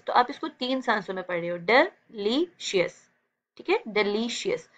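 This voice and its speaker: A woman's voice: fairly high pitch, highs cut off. A woman teacher with a Pakistani Urdu accent explaining an English textbook exercise, patiently checking in and sounding words out syllable by syllable. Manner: patient, explains slowly with many "theek hai" checks.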